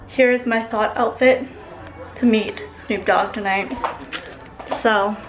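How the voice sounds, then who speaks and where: A woman's voice: medium pitch, fairly even intonation, takes it slowly. A young woman vlogging casually to camera, chatty and playful, cooing fondly at her dog. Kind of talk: casual vlog talk to camera. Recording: noisy background hiss.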